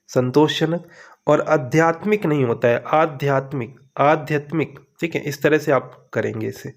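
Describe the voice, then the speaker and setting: A man teaching an exam preparation lesson, walking through questions with steady, repetitive coaching and frequent check-ins. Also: on the high side.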